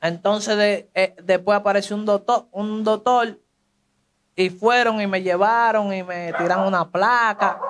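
A young man with a Dominican accent talks through his past in casual street slang. His voice sits high, and he jumps into the voices of people in the story as he tells it. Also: measured pace. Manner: animated street slang, acts out quoted voices. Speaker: interviewee telling his life story. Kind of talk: casual testimony.

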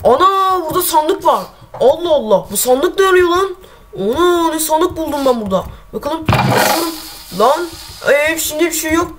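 A man's voice: extremely high pitch, expressive, moderate pace, voice pushed up. A young man voicing a startled, foul-mouthed man who stumbles onto a booby-trapped chest in a video game. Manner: loud and exclaiming. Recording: clear background noise.

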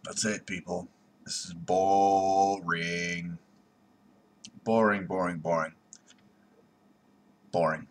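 Slow and steady in tone, a man with a low voice reviews a beer to his desk webcam in a small room at home, pausing often. He's blunt and sarcastic, and his volume is jumpy.

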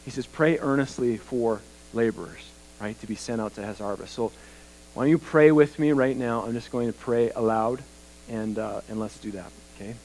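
A man's voice: medium pitch, normal speed, a little hiss or hum, rough recording. A male pastor preaching an earnest, conversational sermon that moves into a spoken prayer. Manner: lively, voice rising when exhorting and dropping soft in prayer.

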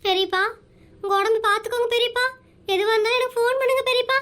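A woman speaking with a lilt, using a very high, bright voice. She plays out tearful goodbyes in a comedy sketch, stretching out each farewell. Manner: weepy, drawn-out farewells.

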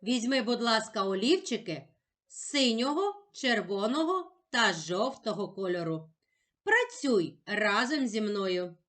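A woman teacher talks young children through a lesson in a patient, encouraging way. Her voice sits a little high and swings widely with expression, and she sounds every word out slowly and carefully. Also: big pitch swings, fairly bright tone. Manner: slow, carefully sounded-out speech.

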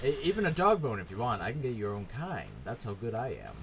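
A man's voice: medium pitch, huge pitch swings, fast, music in the background. A man giving sarcastic, frustrated let's play commentary while playing a game, swearing often. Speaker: gaming YouTuber.

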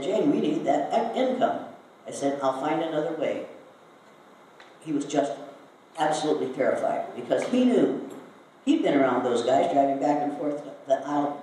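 A woman's voice: sits low, mellow. An older woman from Iowa, telling a story to a live audience and asking them questions. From Iowa, United States. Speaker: speaker giving a talk. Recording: very echoey hall, voice from a distance, faint noise.

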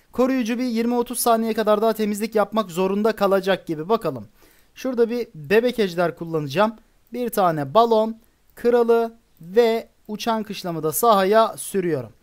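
A man talks his way through a strategy game attack, planning each move out loud. His voice sits high, and his chatty commentary often turns into exasperated grumbling. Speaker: gaming YouTuber.

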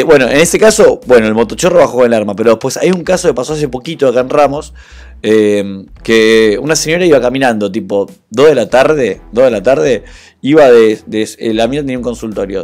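A man's voice: medium pitch, a little mellow. A young Argentine man with a Rioplatense accent, hosting a reaction video and telling personal stories in a slangy, impassioned, emphatic way. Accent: Rioplatense Spanish. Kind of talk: reaction commentary and personal storytelling.

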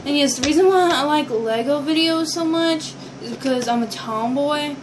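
A young teenage vlogger with a high-pitched voice talks at a moderate pace, rambling casually to the camera as she displays her toy builds. It's recorded indoors in a small bedroom on a built-in device mic at arm's length, with noisy amateur webcam audio.

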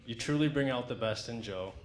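A man's voice: mid-range voice, brisk, a little hiss or hum. A young man at a wedding reception, reading a prepared best man's toast into a handheld mic in a fond, teasing way. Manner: fond, teasing, with light jokes. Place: wedding reception in a large dining room.

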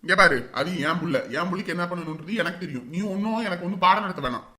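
A man's voice: sits high, very fast, pushed and bright. An actor playing a stubborn father who defiantly defends his choices in a family drama. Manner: defiant, dismissive. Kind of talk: web series drama acting.

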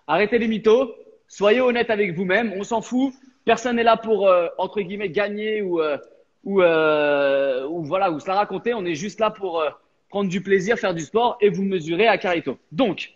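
A man's voice: sits high, slightly rough. A man coaching a live workout session, explaining exercises with energy, from an empty gym. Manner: energetic, counts down reps. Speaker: fitness coach. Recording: echoey, dull hall sound.

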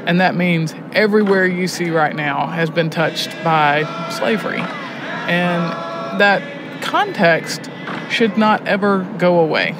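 A prison poetry teacher and program head from Alabama gives a candid, reflective interview while driving. Her fairly low voice is thoughtful and deliberate, with pauses, and clear vehicle and road noise fills the moving car.

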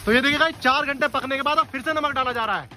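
An on-location factory tour is narrated by a man whose voice is very high, bright and pushed, moving at a quick clip. As a food vlogger outdoors, he eagerly talks to his viewers as "guys" and interviews the workers.

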